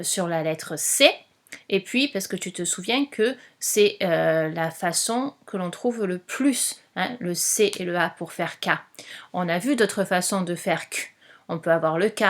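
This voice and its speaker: A woman teacher giving a slow spelling dictation, patiently spelling out letters one by one. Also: lowish voice, a bit bright.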